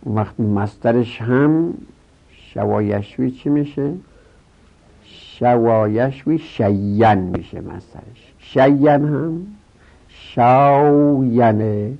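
A man teaching Arabic grammar in a classroom lesson, reciting verb conjugations in a rapid sing-song. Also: mid-range voice, creaky. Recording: dull lo-fi recording.

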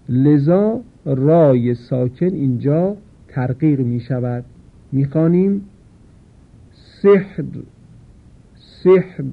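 Man teaching recitation, tinny sound. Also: fairly high pitch. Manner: patient, explanatory, stretches out example words. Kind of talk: tajweed lesson.

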